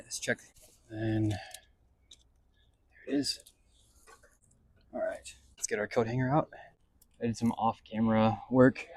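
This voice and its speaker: A somewhat mellow, lowish male voice carries this relaxed vlog narration. While working in and around a pickup truck on a car install, he thinks aloud in a casual, slangy style.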